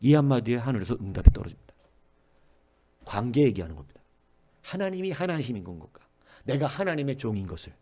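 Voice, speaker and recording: A man's voice: medium pitch, sing-song, fast, pauses often, mellow. A male pastor giving an early-morning sermon, earnestly exhorting and repeatedly addressing the congregation. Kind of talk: dawn-service sermon.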